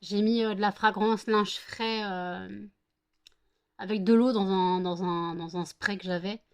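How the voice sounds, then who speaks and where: A woman's voice: mid-range voice, fairly even intonation, a little slow, smooth. A French woman vlogging at home, chatting and cooing baby talk to her dogs with playful teasing. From France. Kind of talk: casual chat to her dogs.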